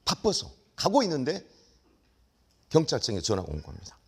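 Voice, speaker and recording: Husky animated lecturer. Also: male voice, medium pitch, moderate pace. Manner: animated, acts out dialogue with shouts. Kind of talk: dramatic storytelling lecture.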